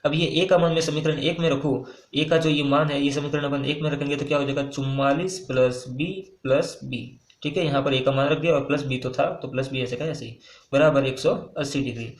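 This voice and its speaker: A male maths teacher with a fairly high voice walks through a problem step by step. He keeps asking and answering his own questions, with filler pauses between them. The room around him sounds echoey. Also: flat delivery. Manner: casual, with frequent "uh" pauses and repeated phrases. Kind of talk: whiteboard maths lesson.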